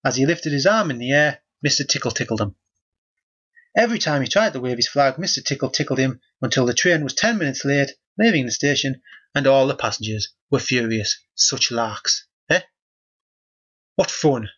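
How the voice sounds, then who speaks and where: Husky man, deadpan mock-outrage. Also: medium pitch, fairly quick, dull audio. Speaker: host reading a children's book. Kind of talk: comic book reading with running commentary.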